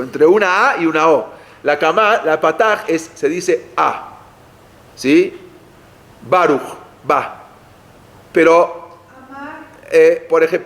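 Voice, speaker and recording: A man's voice: a little high, a bit bright. Man lecturing with rhetorical questions. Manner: conversational, asks the audience rhetorical questions, frequent "eh" and restarts. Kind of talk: explanatory lecture.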